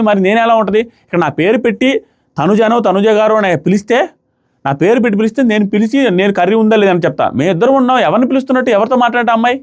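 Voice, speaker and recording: A young man reviewing a reality show, giving emphatic, argumentative commentary and hammering the same points again and again. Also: sits high. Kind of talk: opinionated commentary.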